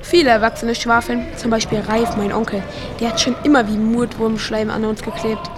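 A woman's voice: a little high, level tone, normal speed, noisy background, close to an everyday voice. A woman voicing a teenage boy from Earth in an audio drama, with casual, slangy teen talk. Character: teenage boy from Earth, cocky but grieving. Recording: music playing underneath.

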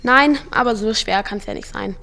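With a forceful tone, she delivers the lines of a teenage boy from Earth, cocky but grieving, in slangy, casual teen speech for an audio drama. Her voice is medium-pitched, creaky, and bright at a normal speed, with music running underneath.

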